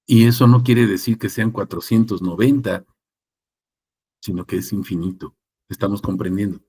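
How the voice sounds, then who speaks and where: A man preaching a sermon, teaching with rhetorical questions and repeated phrases, moving between loud emphatic passages and quiet ones. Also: fairly low pitch, normal speed, husky.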